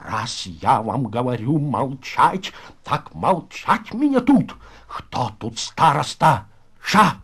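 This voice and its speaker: A man voicing a nervous but fierce prison elder with Yiddish-flavoured speech, urging hushed and commanding in sharp cries. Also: expressive, a little slow, husky. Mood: shrill commanding. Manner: hushed and urgent, then shrill commanding shouts.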